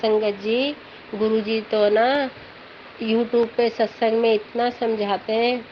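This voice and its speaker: A woman's voice: on the high side, steady tone, slow. A middle-aged woman earnestly telling a rambling, emotional devotional testimony about her husband. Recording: dull lo-fi audio with faint background noise.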